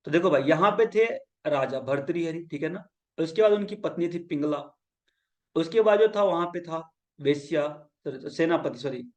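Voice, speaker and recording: High-voiced man teaching a class. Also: darkish tone. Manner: asks the class to repeat points back; acts out quoted lines as he tells stories. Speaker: yoga teacher. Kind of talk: lecture storytelling.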